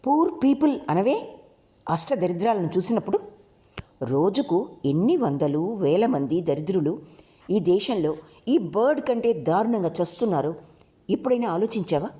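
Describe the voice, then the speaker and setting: A woman voicing a blunt, sarcastic young college woman who talks briskly and forcefully in a told story. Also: mid-range voice, big pitch swings, voice pushed up, close to an everyday voice. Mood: sarcastic heated.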